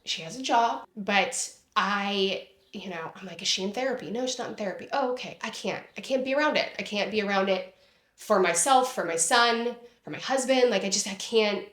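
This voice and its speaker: A woman's voice: mid-range voice, brisk, fairly bright tone. A woman in her thirties speaking candidly and from the heart as an interview guest, with frequent "like" fillers and the odd swear word. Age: 30s. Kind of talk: candid personal conversation. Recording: roomy echo.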